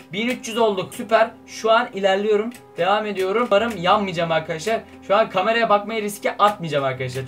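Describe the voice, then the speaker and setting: Excitable young man gaming vlogger. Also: sits high. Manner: excitable, swings between loud outbursts and muttering. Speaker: YouTuber.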